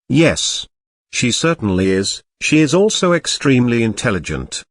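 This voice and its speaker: A man giving scripted reaction commentary in a dry, sarcastic, measured way. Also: mid-range voice, sing-song, no room sound. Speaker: commentary channel host.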